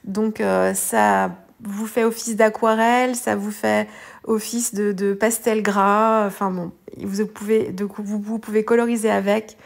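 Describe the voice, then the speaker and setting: Gravelly-voiced woman, rambling craft host. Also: medium pitch, level tone, unhurried. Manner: rambling, hesitant, many fillers and restarts. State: tired. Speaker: art journaling video host. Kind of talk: casual tutorial voice-over.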